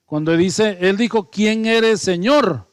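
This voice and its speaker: A man's voice: sits high, slow, smooth, dry recording, clean studio sound. A man with a Guatemalan accent teaching a Bible study. He reads scripture aloud, then explains it conversationally, with frequent fillers and self-corrections. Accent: Guatemalan Spanish.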